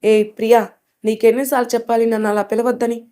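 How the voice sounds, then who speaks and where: A woman's voice: a little high, fairly even intonation, quick pace, darkish tone, natural voice. Brief: sulky kid brother in a storybook voiced by a woman, whiny. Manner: whiny and complaining. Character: sulky young boy, easily riled.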